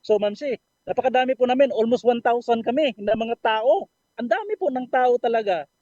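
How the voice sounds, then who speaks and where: An earnest man sharing his faith story on a radio program, polite and full of fillers and restarts. His voice sits high for a man, and the dry, dull recording sounds muffled. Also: animated, a little fast, warm tone, no room sound. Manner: earnest, polite, with frequent fillers and self-corrections. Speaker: caller sharing a testimony.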